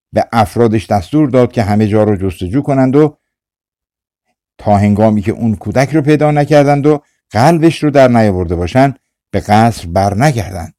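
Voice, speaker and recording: A man reading a folktale aloud for an audiobook in a calm, measured storytelling manner. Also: fairly low pitch, no echo, clean studio sound. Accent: Persian. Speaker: audiobook narrator. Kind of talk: scripted storytelling narration.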